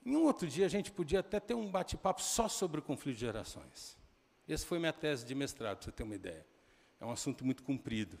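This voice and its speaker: A middle-aged man with a Brazilian accent preaching a sermon in a church, telling stories conversationally with quick asides to the congregation. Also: mid-range voice, sing-song, creaky, a little mellow. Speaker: pastor. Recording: long hall reverb.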